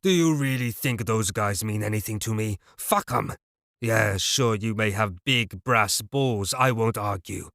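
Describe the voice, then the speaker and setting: A man voicing a bald, furious male gang boss who growls and croaks his threats in an audiobook. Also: fairly low pitch, unhurried, a bit bright, dry recording, studio quality. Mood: enraged. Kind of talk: audiobook character voice.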